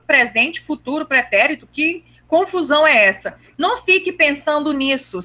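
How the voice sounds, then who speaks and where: A woman teaching grammar in a live online class over a video call. Her voice sits high and sounds bright. She is patient, repeats her explanations, and checks in with the students often, slowing down to stress each verb ending.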